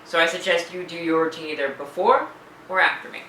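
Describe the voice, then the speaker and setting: A man's voice: a little high, a little fast, sharp tone, far from the mic, a little hiss or hum. An actor playing a sarcastic young man who teases with dry, mocking wit. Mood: teasing. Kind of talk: comedy web series acting. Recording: roomy echo, heard from off the mic.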